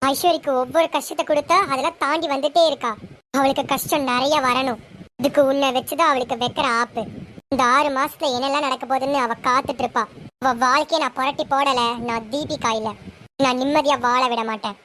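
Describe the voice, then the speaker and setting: A woman's voice: sits high, fairly even intonation, a little fast, fairly bright tone, slight background noise. An actress playing a scheming, vengeful woman in a TV serial, speaking in a threatening way. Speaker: scheming elder sister figure. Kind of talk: TV serial acting.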